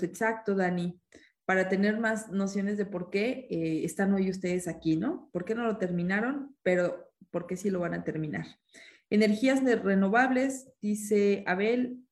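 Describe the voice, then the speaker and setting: A woman teaching a live-streamed class, explaining ideas, asking questions and reading students' comments aloud. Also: mid-range voice.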